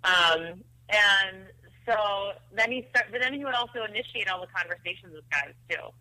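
A woman's voice: mid-range voice, moderate pace, sharp tone. A woman calling in by phone, telling a story casually with lots of fillers and laughs. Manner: laughing, chatty, full of fillers. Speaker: guest on the phone. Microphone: telephone. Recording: thin phone line.

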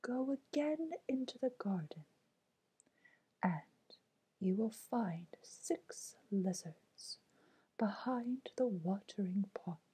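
A kind, motherly fairy godmother from a storybook whispers her instructions slowly, as a woman puts her on. The voice is breathy and mellow, never rising above a hush. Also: mid-range voice, lively intonation, full character voice, low-quality recording. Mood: gentle. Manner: whispered, gentle and coaxing.

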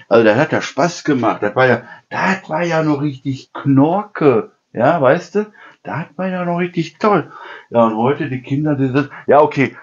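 A man's voice: mid-range voice, a little mellow. A middle-aged man talks in a loose, rambling home-kitchen chat. He keeps tagging his sentences with a questioning "ne?" and slips into little imitations of other people. The sound is slightly muffled and lo-fi. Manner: chatty storyteller, constant "ne?" tags, mimics people. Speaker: cooking channel host. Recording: dull lo-fi sound.

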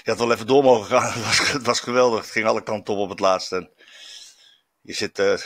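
Man, fairly low voice, dry close sound, rambling football chat with fillers. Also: steady tone, fast talker, a bit bright, no room sound. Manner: reflective, rambling with many fillers and restarts. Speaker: football journalist. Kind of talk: casual chat. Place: in Stuttgart, on location.

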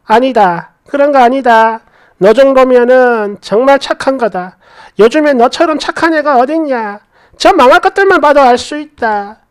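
A nagging older mother-in-law who won't take no for an answer, as a woman storyteller puts her on. She presses her point over and over in a lively, rising and falling voice. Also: high-pitched, moderate pace. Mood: insistent. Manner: insistent, repeats herself over objections.

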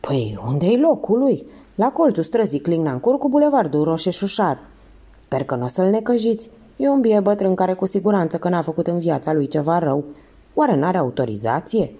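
A woman voicing a suspicious, gossipy female concierge who answers quickly and defensively. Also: fairly low pitch, big pitch swings, warm tone, husky. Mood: indignant.

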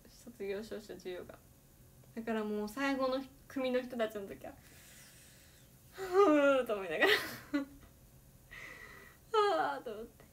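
Giggly teenage girl chatting on a livestream. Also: high voice. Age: teens. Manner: giggly, chatty, laughs often between sentences. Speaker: idol livestreamer. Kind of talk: casual livestream chat.

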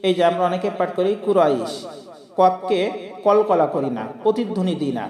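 A man teaching Quran recitation, who speaks patiently to viewers and repeats each syllable slowly. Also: high voice, animated, crowd noise. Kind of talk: pronunciation lesson. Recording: echoey room with long reverb.

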